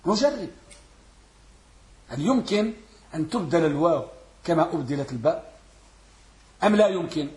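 A man teaching Arabic grammar in a classroom, quizzing his students and repeating words slowly to drill them. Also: a little high, animated, a little mellow, reverberant. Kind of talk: classroom lesson with questions to students.

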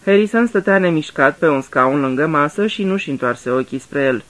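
A man narrating a mystery in a radio drama reading, measured and even. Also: fairly high pitch.

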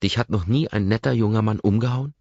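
A man's voice: on the low side, fast, darkish tone, dry recording, dull audio, voice pushed up. A man voicing an intense, controlling rich young man, with a pressing, urgent way of talking in an audiobook reading. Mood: pressing, agitated.

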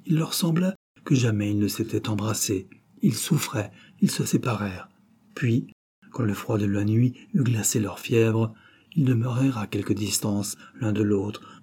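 Warm, husky male audiobook narrator. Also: lowish voice. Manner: measured, expressive reading. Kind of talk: scripted narration of a classic novel.

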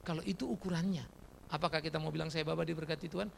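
A man preaching a sermon as a pastor, animated, throwing out rhetorical questions and slangy asides. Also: a little high, rapid-fire, creaky, a little hiss or hum.

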